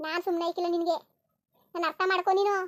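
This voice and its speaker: A woman doing a fast-talking village mother. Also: very high-pitched, little pitch movement. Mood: scolding. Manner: scolding then coaxing, rustic village speech. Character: protective village mother, scolding yet tender. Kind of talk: cartoon voice acting.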